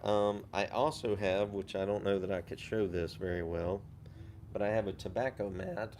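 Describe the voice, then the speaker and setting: A man with a low voice hosts a casual livestream. He talks in an unhurried way and explains items in detail, over a faintly noisy background. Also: fairly even intonation, darkish tone. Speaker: host of a pipe-smoking live chat.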